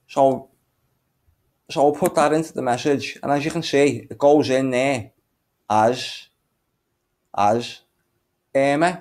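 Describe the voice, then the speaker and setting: Slow and full of pauses, this man's darkish, mid-range voice carries casual screen-share commentary. As the video's maker and narrator, he rambles, thinks out loud, and hums small filler tunes under his breath.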